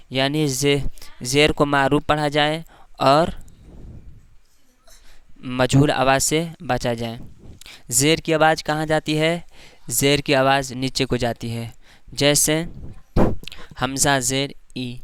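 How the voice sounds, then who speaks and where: A man teaching a Quran reading lesson, reciting letters slowly one by one and explaining each rule with patient repetition. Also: mid-range voice, a bit bright, smooth, no room sound. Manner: slow drawn-out letter recitation between explanations.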